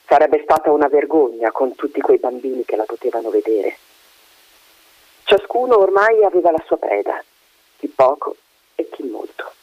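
A man reading a story aloud in an animated way, putting on voices for the characters. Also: medium pitch, moderate pace, no echo. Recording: dull dry recording.

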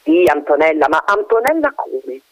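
A man's voice: on the high side, big pitch swings, normal speed. A man voicing a stern woman of about fifty, a charity patroness, in a falsely sweet and prying tone. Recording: dull dry recording.

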